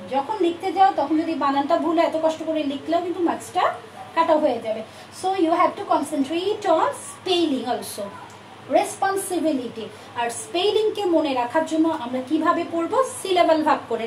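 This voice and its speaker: A woman English teacher with a Bangladeshi accent in English, giving an online class, mixing English into her talk and calling students dear, with frequent filler sounds. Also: high voice. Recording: echoey room, distant mic, faint noise.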